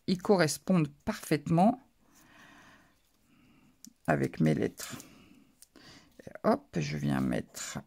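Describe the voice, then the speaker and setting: Woman host for a craft tutorial. Very gravelly, husky voice. Slow, hesitant delivery that narrates each step. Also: sits low, mellow. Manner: unhurried, narrates each step with frequent "hop" and hesitant fillers. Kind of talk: card-making tutorial narration.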